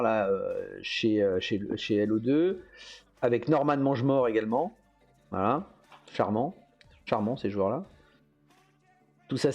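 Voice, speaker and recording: A man hosts a relaxed stream in a mid-range voice, talking in loose, meandering stretches broken by hesitant fillers. He chuckles often as he goes, and faint music plays softly behind him. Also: mid-range voice. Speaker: host. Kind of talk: casual livestream chat.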